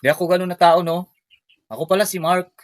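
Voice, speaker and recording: A woman's voice: on the low side, fairly even intonation, fast talker, close to an everyday voice. Woman playing Mark, a pleading young dad. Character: poor young father with a baby, pleading. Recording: loud background noise.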